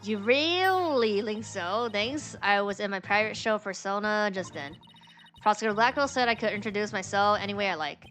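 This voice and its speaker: A woman voicing a young female pirate-show performer from a game, playful, theatrical and excitable. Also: medium pitch, moderate pace, soft background music, lightly acted. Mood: perky. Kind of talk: reading game dialogue in character.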